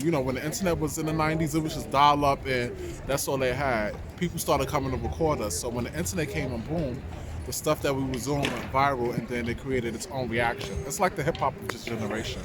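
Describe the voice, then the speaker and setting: A man's voice: mid-range voice, a little fast. New York man talking over street noise. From New York, United States. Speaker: interviewee, dancer and actor. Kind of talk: casual street interview. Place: outdoors in a city park. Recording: outdoor city noise, passing traffic.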